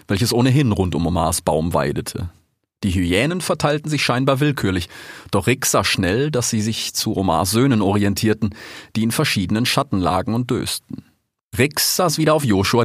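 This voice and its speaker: A man narrating an animal adventure audiobook as an expressive storyteller. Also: lowish voice, slightly rough, dry recording, studio quality.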